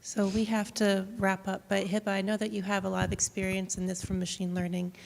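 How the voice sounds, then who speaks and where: A woman moderating a panel, speaking briskly to wrap up. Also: medium pitch, completely flat delivery, gravelly. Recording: reverberant hall.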